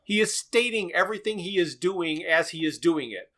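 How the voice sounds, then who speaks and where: A man's voice: sits high, animated, normal speed, sharp tone. A man co-hosting a casual podcast, recapping and picking apart a radio series with frequent chuckles. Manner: analytical, recaps plot at length, chuckles often. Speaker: podcast co-host.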